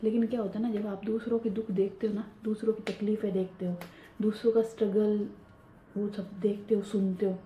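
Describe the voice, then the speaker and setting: A woman in her thirties talks softly through her day at home, chatty and confiding, keeping her voice low. Her tone is mellow and warm. The voice-over sounds roomy, with a faint ambience behind it. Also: level tone, brisk, lo-fi sound, a little hiss or hum. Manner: soft, hushed talking. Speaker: home vlogger. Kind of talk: quiet voice-over narration of daily chores.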